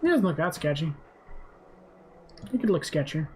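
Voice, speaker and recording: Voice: mid-range voice, sing-song, normal speed, a little mellow, slight background noise. Chatty game streamer. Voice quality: chatty, laughing reactions. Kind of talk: live gameplay commentary.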